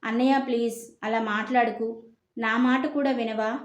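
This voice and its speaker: A young pregnant woman pleads gently with her brother, as a woman narrator voices her. Her voice is soft, fairly high and coaxing. A roomy echo surrounds it. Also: fairly even intonation, normal speed, dull audio, close to an everyday voice. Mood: pleading.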